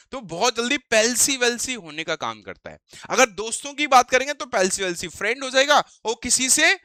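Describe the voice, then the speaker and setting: A male teacher explaining vocabulary in Hindi and English, who asks rhetorical questions and reads English phrases slowly. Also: high voice, bright, forceful tone, clean tone, no room sound, studio quality.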